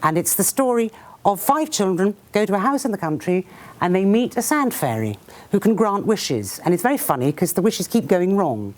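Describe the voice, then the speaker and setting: A woman reads from her own book before a live audience, her pitch rising and falling in wide swings. She slips into voices and mimicked sounds as she goes, then talks freely with the room in a mid-height voice. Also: moderate pace. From Britain. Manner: lively storyteller who acts out sounds and voices. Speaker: author. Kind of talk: reading aloud then talking to an audience.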